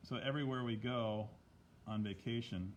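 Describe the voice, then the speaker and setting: A man in the middle pitch range talks loosely through a live drawing lesson, recorded on a tablet microphone. He chats with viewers by name as he goes. A faint hiss sits under the voice. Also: moderate pace. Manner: chatty, greets viewers by name mid-lesson.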